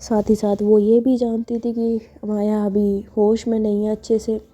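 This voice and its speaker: A woman's voice: medium pitch, level tone, moderate pace, dark tone. A woman storyteller narrating a romance story in a chatty, filler-filled way. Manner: conversational, filler-heavy narration. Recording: dull lo-fi audio over music.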